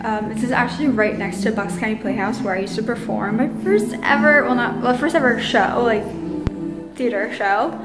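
A young woman from eastern Pennsylvania vlogging casually on a handheld phone while she walks through shops and sits in a car, bubbly, excitable and giggly. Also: a little high, moderate pace. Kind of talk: casual vlog. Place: walking outdoors, in shops and a car. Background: music.

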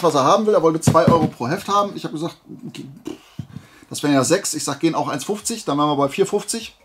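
On the higher side, this man's voice comes with a slight hiss or hum in the audio. He hosts a flea market haul video, chatting colloquially in show-and-tell style, enthusiastic as a collector and posing questions to himself.

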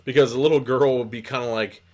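A man's voice: mid-range voice, fairly even intonation, quick pace, a little mellow. Rambling, profane man recapping a book. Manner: rambling, profane, lots of fillers. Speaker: podcast host reviewing books.

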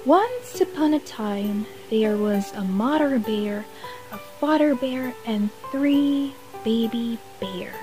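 A woman reading a children's picture book aloud as a storyteller, expressive and deliberately phrased for young listeners. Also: fairly high pitch, music in the background, low-quality recording. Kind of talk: bedtime story read-aloud.

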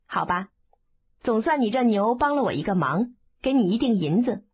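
A woman's voice: on the high side, very animated, moderate pace, slightly rough, pitched below the performer's own voice. A woman doing a scornful young swordswoman. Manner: scornful, scolding. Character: haughty, quick-tempered young swordswoman. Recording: phone-like narrow band.

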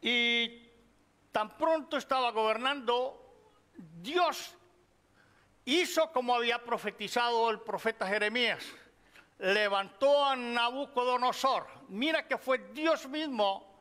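A middle-aged man preaching a sermon, teaching from the Bible in a measured way and addressing the listeners as brothers. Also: very high-pitched, sharp tone. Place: church hall. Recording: long hall reverb.

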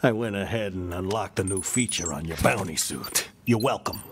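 An actor voicing a weary, gruff male boss in a video game, with a tired, grumbling manner and a gravelly voice. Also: sits low, moderate pace, background noise.

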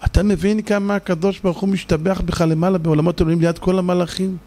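A man, a rabbi, giving an animated sermon that swings between loud outbursts and low, slow stretches.

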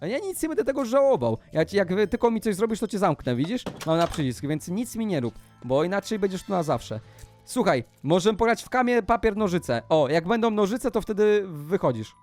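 An excitable man talks over a game in a high voice that leaps all over the place. He swings from hushed asides to sudden yells, with faint music playing underneath. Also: fairly quick. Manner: shouty, exclamatory, jumps between hushed and yelling. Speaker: Minecraft YouTuber. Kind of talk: excitable gaming vlog narration.

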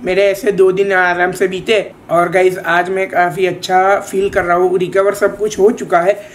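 A man's voice: high voice, level tone, moderate pace. Chatty young man vlogging at home. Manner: chatty, playful, addresses viewers as guys. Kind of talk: casual vlog chat.

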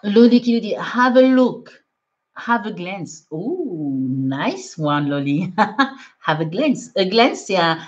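Her voice sits on the lower side with a slight brightness as she runs a live English class online, mixing French and English. She reads out what viewers wrote, fixes their mistakes in a casual, laugh-filled way, and she's from France, heard through muffled, low-quality stream sound.

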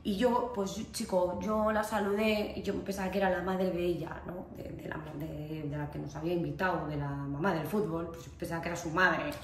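A woman from Spain tells a story to camera with a chatty, animated flow. She keeps up a steady stream of fillers and asides. Her voice rings in an echoey room over faint ambient noise. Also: fairly low pitch, brisk, few pauses. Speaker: vlogger.

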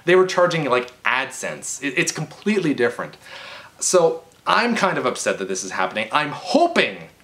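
A video game vlogger in his 20s, a man with a mid-range, fairly bright voice, rants very animatedly at a moderate pace. The rant is off-the-cuff, exasperated and emphatic, with frequent stammering and restarts, filmed in his living room by a webcam or camera around arm's length away.

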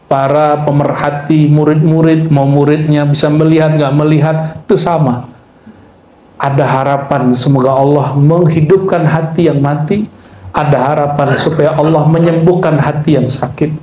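Man, religious lecturer, humorous, quizzes listeners, recites Arabic, fairly high voice, roomy echo. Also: warm tone, dull audio. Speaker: Islamic mysticism teacher. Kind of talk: religious lecture to a live audience. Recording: echoey room with faint background noise.

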